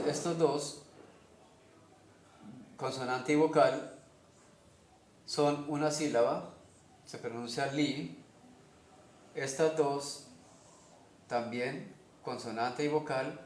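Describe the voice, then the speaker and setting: A man with a Colombian Spanish accent walks through a language lesson at a slow, unhurried pace. He explains each step methodically and keeps checking that his listeners follow. His voice sits at a middle pitch and rings in an echoey room. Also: darkish tone, slight background noise. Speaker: teacher of a constructed language.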